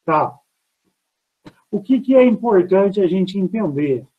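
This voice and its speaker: Heard over a thin headset mic on a video call, with tinny audio, this Brazilian professor speaks in a high-pitched, animated, slow voice that is husky and narrow. He has a Brazilian Portuguese accent and works through audience questions in his online lecture step by step, posing rhetorical questions to himself.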